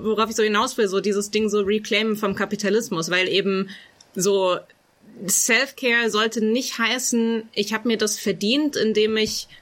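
A woman's voice: mid-range voice, a bit bright. A woman co-hosting a podcast, earnestly building an argument with repeated starts. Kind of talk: casual discussion.

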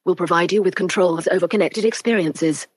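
A woman's voice: on the low side, fairly quick, slightly rough, no echo. A synthetic female screen reader voice played through a Bluetooth speaker, reading out on-screen labels and buttons. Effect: synthetic speech played through a Bluetooth speaker.

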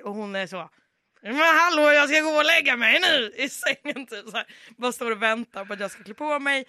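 A woman's voice: medium pitch, no room sound, studio quality. A young adult woman, a podcast guest, telling a long anecdote in casual chat and acting out the people she quotes. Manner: animated storyteller, acts out quoted dialogue.

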